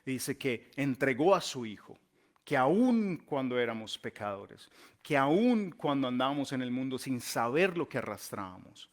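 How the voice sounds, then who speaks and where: A pastor preaching a sermon. He tells the story emphatically, slows down on key words and lets the ends of his phrases drop almost to a murmur. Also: mid-range voice.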